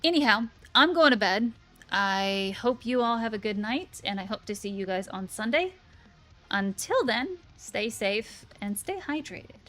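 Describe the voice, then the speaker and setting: A woman's voice: on the high side, a little slow. Tired woman streamer chatting casually. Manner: relaxed, rambling, many fillers. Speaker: game streamer. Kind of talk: casual live-stream chat.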